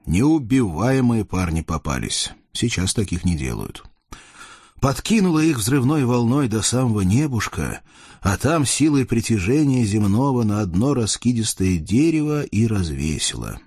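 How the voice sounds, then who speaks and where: A man's voice: on the low side, very animated, moderate pace, a little mellow, breathy edge, no echo, clean studio sound. A man narrating a fairy tale in a playful, folksy way, addressing the readers. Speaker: storyteller. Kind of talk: expressive audiobook narration.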